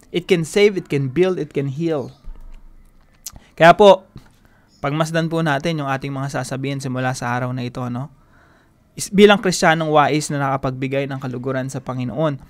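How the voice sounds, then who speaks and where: A man leads a devotional teaching, his voice sitting a bit higher than most men's. He speaks with emphasis and comes back to the same key phrases again and again. He draws out his English lines slowly and deliberately. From Philippines. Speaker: devotion leader.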